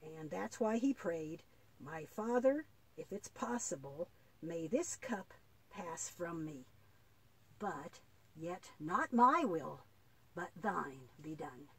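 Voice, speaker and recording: Pitched on the low side, a woman performs an old, devout, patient grandfather in a kids' puppet play, using an animated, heavily acted, husky delivery. He explains earnestly, though haltingly.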